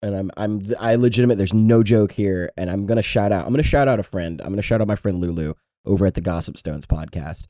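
A man's voice: lowish voice, quick pace, few pauses, dark tone, dry recording, clean studio sound. A man from Louisiana, co-hosting a podcast, rambling and swearing in casual banter. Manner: rambling, profane, jokey. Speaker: podcast co-host.

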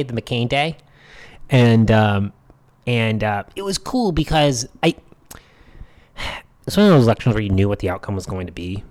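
A man in his thirties with a standard American accent, co-hosting a podcast in casual banter and telling stories animatedly. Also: fairly low pitch. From United States. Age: 30s. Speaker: podcast co-host.

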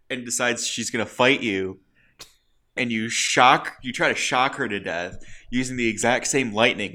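A man with a fairly low but bright, forward voice tells scenes in a relaxed chat. He gets animated as he goes and laughs between lines. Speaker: co-host. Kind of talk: casual chat.

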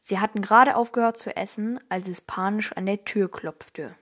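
A woman reads a children's story aloud in a calm, even voice. Her pitch sits in a middle range, and her delivery stays steady and clear. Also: moderate pace. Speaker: narrator. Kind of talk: scripted narration of a children's story.

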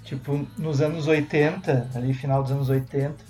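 A man from Brazil co-hosting a casual podcast, telling a long anecdote in a loose, meandering way full of restarts. His tone is warm and mellow, and the room around him sounds noticeably echoey. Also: on the high side, fairly even intonation, moderate pace, soft background music. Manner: rambling storyteller, many restarts and tag questions. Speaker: podcast co-host. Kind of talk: casual chat.

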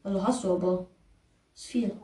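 A woman's voice: mid-range voice, normal speed, mellow, reverberant. A young woman co-playing a game, teasing and joking in casual banter. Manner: playful, teasing, joking interjections. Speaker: co-player in gaming video.

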